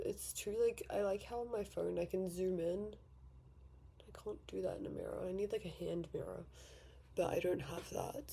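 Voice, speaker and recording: This vlogger, an eighteen-year-old Australian woman from Victoria, talks casually through her makeup routine at her bedroom vanity, chatty and self-deprecating with a bit of rambling. She has a mid-range, gravelly voice with a darkish tone and a breathy edge.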